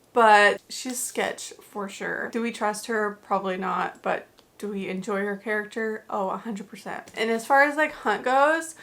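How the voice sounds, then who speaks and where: A woman with an ordinary mid-range voice talks casually about a novel to her viewers. She rambles quickly and scatters filler words as she goes. She gushes about parts she loved and speaks candidly about parts she disliked. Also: mid-range voice, a bit bright. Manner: chatty, rambling, gushing. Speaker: book reviewer. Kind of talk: casual book review chat.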